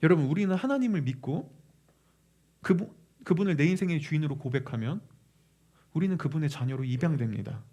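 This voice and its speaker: Male pastor, high lively voice, sermon, builds from hushed to fervent. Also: brisk, pauses often. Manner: swings from hushed storytelling to loud impassioned pleading.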